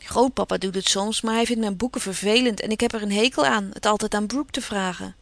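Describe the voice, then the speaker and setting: A woman reading aloud, voicing a shy, lonely teenage boy with a hoarse voice in a storybook. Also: mid-range voice, fairly quick, no echo, lightly acted. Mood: gloomy.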